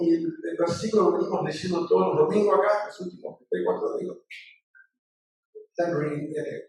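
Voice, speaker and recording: A man's voice: high-pitched, darkish tone. A middle-aged male pastor preaching a sermon in a conversational way, weaving in personal stories. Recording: very echoey room, mic far off.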